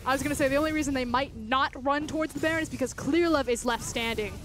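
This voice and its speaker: A woman's voice: high-pitched, fast talker, fairly bright tone, slight background noise. A woman giving analytical live commentary as an esports co-caster.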